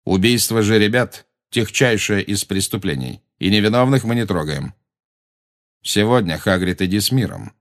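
A man voicing a stern centaur leader in an audiobook, speaking coldly, slowly and menacingly. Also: lowish voice, animated, close to an everyday voice. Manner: cold, slow, menacing.

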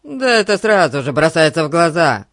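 A man's voice: a little high, very slow, fairly bright tone, no echo, clean studio sound. A man reading the part of a grumpy, self-important village policeman who talks in an indignant, blustering way.

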